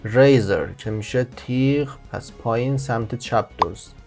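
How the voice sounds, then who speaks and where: A man hosting a language-learning channel, explaining a screen-recorded word game step by step and slowing down on word meanings. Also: mid-range voice, over music. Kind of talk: screen-recorded tutorial voice-over.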